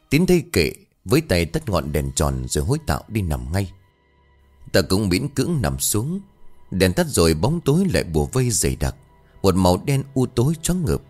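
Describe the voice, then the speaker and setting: Male horror narrator, deep and very expressive, over faint music. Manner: dramatic, suspenseful telling. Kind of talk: scripted horror story narration.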